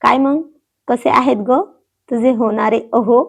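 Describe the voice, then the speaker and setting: A woman's voice: a little high, steady tone, a little slow, creaky. A woman voicing a young woman who fondly teases a shy younger girl. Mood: teasing. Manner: teasing, fond. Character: young woman, teasing elder sister-in-law.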